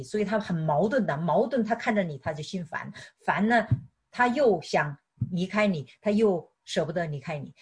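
A woman's voice: lowish voice, slightly rough. A middle-aged woman teaching a sermon on prayer, chiding her listeners with rhetorical questions and stumbling over repeated words. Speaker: Bible teacher.

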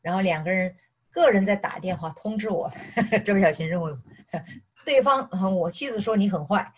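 Breathy middle-aged woman preaching. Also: mid-range voice, normal speed. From mainland China. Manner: animated, repeatedly asks "是不是". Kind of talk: sermon with personal testimony.

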